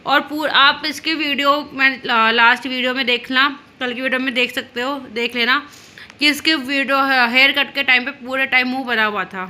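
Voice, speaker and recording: A woman's voice: sits high, fairly even intonation, moderate pace, bright, forceful tone. A young woman at home, chatting casually as a vlogger and mother, telling stories with a teasing manner. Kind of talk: casual home vlog chat.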